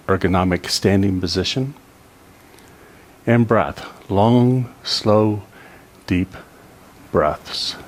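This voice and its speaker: A man leading a guided tai chi and qigong body scan, speaking in a calm, soothing way with long pauses. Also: on the low side.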